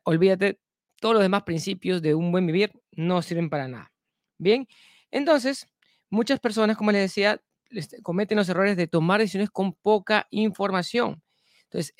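A speaker talks through a self-help lesson at an ordinary middle pitch, recorded close with a dry sound. They repeat key phrases twice and ask rhetorical questions. Each new point is linked with a steady "entonces". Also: no echo. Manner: leans often on the filler "entonces".

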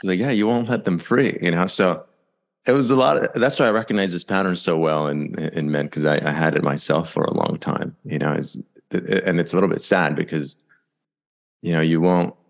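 A man's voice: deep voice, fairly even intonation, a little fast, vocal fry. A man speaking as a guest on a podcast, talking reflectively with "you know" fillers and frequent laughter. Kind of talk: casual conversational interview.

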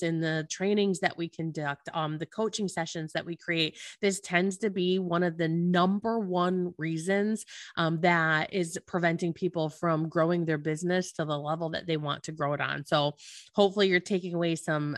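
A woman's voice: on the low side, no echo, clean studio sound. A woman podcast host and coach talking conversationally about business advice, encouraging and enthusiastic.

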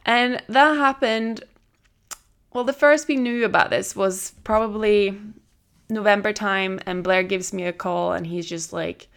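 Woman, solo podcast host, casual chat, gravelly, laughing between phrases. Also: medium pitch, a little slow, fairly bright tone. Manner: chatty, laughs between phrases, restarts often. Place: recording away from home.

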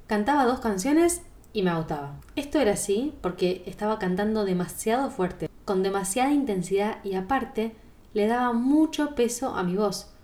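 A woman singing teacher with a Rioplatense Spanish accent, giving a podcast monologue in a calm, explanatory way and speaking straight to the listener. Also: medium pitch, moderate pace.

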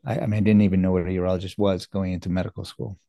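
A middle-aged man from New York talks as a guest in a casual interview, earnest and a little self-deprecating. His voice sits low and warm. The recording is close and dry, with little room sound. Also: flat delivery, very fast, vocal fry, dry recording. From New York, USA. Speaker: guest surgeon.

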